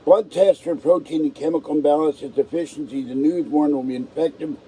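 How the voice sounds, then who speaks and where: A man's voice: on the high side, steady tone, a little fast, mellow, a little hiss or hum, low-quality recording. A man with a natural lisp and no upper teeth, his tongue hitting the roof of his mouth, talking bluntly and casually on a live stream. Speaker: livestream host. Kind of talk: casual live stream chat, reading aloud and commenting.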